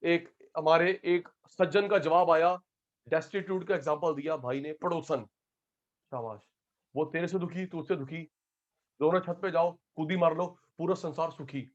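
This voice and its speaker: High-voiced joking male teacher. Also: fairly even intonation, moderate pace. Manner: calls students by name, joking, drills terms. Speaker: economics teacher. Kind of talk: online class lecture. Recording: dull lo-fi audio.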